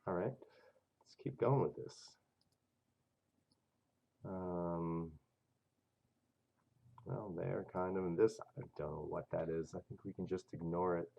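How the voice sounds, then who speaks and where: A man hosting a trading channel, talking casually over charts in a rough, stuffy voice from a cold, chatty and thinking aloud. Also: deep voice, steady tone, slow pace, long pauses, lo-fi sound. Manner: chatty and self-interrupting, talks to himself over charts. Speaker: forex trading channel host. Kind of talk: casual screen-share chart commentary.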